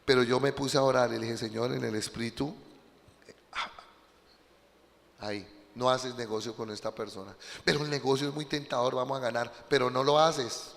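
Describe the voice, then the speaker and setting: A man preaching a sermon as pastor, emphatic and swinging between loud bursts and quiet asides, calling out to his congregation. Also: mid-range voice, steady tone, normal speed, gravelly, in a large hall. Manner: addresses the congregation directly, calls out "Aló". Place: church.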